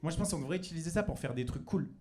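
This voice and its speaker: A man's voice: on the high side, lively intonation, racing, warm tone. A young man performing a stand-up comedy set in a comedy club, chatty and loose, full of fillers and restarts. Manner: loose, chatty delivery with many fillers and restarts, breaks into silly put-on voices. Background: audience laughter.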